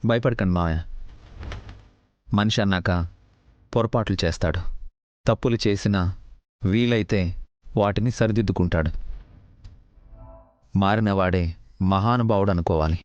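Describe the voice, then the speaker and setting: A man's voice: fairly low pitch, moderate pace, pauses often, dry recording, dull audio, close to an everyday voice. An actor as an earnest, reassuring young man. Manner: calm and reassuring. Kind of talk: TV serial dialogue. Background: background score.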